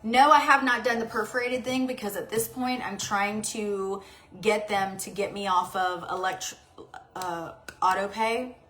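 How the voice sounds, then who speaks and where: A woman's voice: mid-range voice, steady tone, a little slow, fairly bright tone. A woman vlogger in casual chat, rambling and confiding, often stuttering and restarting her sentences.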